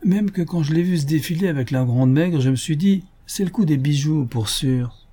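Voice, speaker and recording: A saucy young Parisian cocotte, put on by a man reading aloud, teasing and slangy, her voice pitched well above his own and lively. The tone stays husky and warm underneath, with a playful, mocking lilt. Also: moderate pace, lightly acted. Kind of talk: audiobook character voice.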